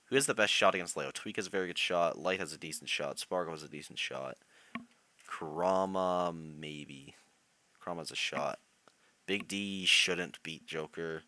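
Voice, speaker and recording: A man's voice: low-pitched, normal speed, sharp tone, no room sound. A young man on a live stream, chatting casually about competitive players and reacting to chat, laughing often.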